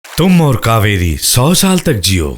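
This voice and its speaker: A man voicing a calm older swami in a dubbed film, speaking with a gravelly voice. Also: mid-range voice, unhurried, a little hiss or hum.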